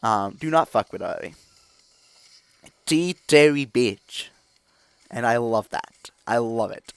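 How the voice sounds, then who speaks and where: A man hosting a gaming channel who gives rambling, filler-heavy video game commentary and gets excited and loud at times. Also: on the low side, moderate pace, vocal fry, clean tone, dry recording.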